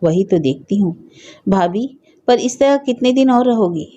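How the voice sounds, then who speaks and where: Woman doing a soft-spoken, patient young sister-in-law in a read-aloud story: gentle, warm, lo-fi recording. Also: mid-range voice, expressive, measured pace. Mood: wistful.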